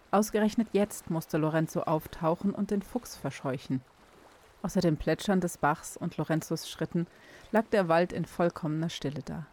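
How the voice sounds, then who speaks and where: A woman reading a fantasy audiobook chapter aloud in a calm, steady storytelling manner. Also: on the low side. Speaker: audiobook reader. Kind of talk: scripted narration.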